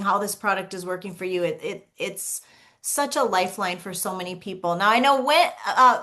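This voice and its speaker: A woman's voice: medium pitch, pushed and bright. A woman hosting a casual video call chat, enthusiastic and full of gushing praise. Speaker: host.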